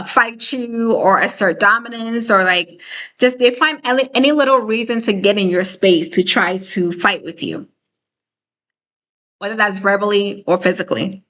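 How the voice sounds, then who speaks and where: A woman's voice: mid-range voice, bright, forceful tone. A woman hosting a casual live-stream discussion, talking emphatically and checking in with her viewers with frequent "okay?" and "right?" as she reads out their comments.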